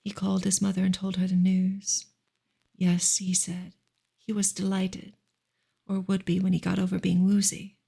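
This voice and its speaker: Reading a classic novel in a soft ASMR audiobook style, this livestream host keeps her pitch on a narrow, steady line with a gentle, measured pace. Her voice is husky and breathy, fraying into creaky fry at the edges.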